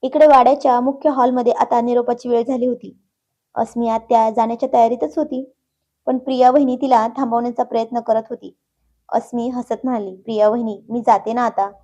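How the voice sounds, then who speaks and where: Mellow-voiced woman telling a story. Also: on the high side, flat delivery, brisk. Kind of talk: storybook narration. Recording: dull, muffled recording.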